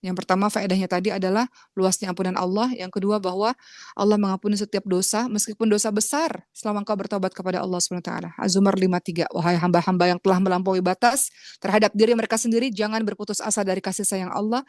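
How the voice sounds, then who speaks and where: A woman's voice: flat delivery, fast talker, darkish tone, dry recording, studio quality. A woman from Indonesia giving an earnest religious lecture, talking straight to her listeners as friends and acting out pleading prayers. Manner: earnest, acts out pleading prayers with rising pitch; addresses listeners as friends, refers to herself as Uma. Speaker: preacher.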